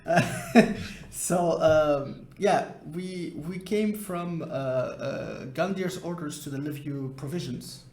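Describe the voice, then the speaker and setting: A man playing in a tabletop game, casual and relaxed. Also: a little high, slow, few pauses. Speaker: player. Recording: echoey room with faint noise.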